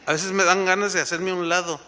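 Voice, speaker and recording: Bright-voiced conversational pastor man. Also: sits high, level tone, fast talker, slight background noise. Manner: conversational, asks the congregation rhetorical questions. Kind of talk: sermon.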